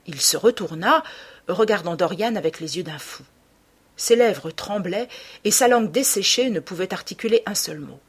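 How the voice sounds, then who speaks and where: A woman narrating a classic novel as an audiobook in a measured, dramatic reading style. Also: mid-range voice, expressive, husky.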